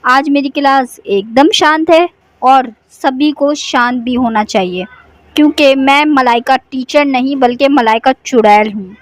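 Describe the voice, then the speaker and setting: A woman's voice: sits high, no echo. A woman voicing a vengeful young female teacher who has become a witch in a cartoon, in a threatening manner. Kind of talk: cartoon voice acting.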